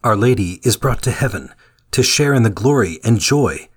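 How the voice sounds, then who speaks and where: A man giving a calm, measured scripted reading of a daily devotional meditation. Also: fairly low pitch, husky. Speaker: meditation reader.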